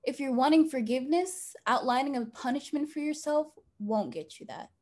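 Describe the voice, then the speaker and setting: A dry blunt inner voice, kinda high, student play. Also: female voice, normal speed, darkish tone. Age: young adult. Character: inner voice, blunt, teasing young woman.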